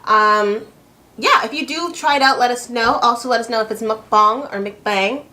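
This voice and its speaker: A woman's voice: on the high side, moderate pace, pushed and bright. A young woman from Canada hosting a food vlog, chatting casually and joking with a friend. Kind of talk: casual chat.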